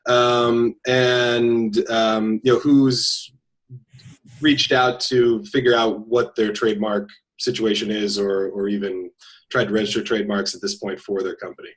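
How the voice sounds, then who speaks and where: A man's voice: on the low side, flat delivery, unhurried. A man who is an attorney leading a small workshop in a loose, chatty way. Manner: loose, chatty, frequent restarts. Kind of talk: casual workshop talk.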